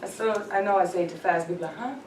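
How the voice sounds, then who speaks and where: Animated woman coaching, distant roomy mic. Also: on the low side, very fast. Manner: emphatic, animated, laughs often. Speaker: etiquette and presence coach. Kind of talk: workshop talk to a small group. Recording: roomy and distant with background noise.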